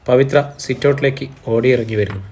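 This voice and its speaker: A man narrating a romantic audiobook story in a measured, even reading. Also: medium pitch, breathy edge.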